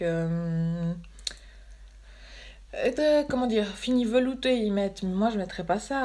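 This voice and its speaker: A woman's voice: medium pitch, a little mellow. A woman with a Swiss French accent chatting casually while unboxing makeup on a phone livestream, amused and laughing often. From Switzerland. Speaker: beauty vlogger.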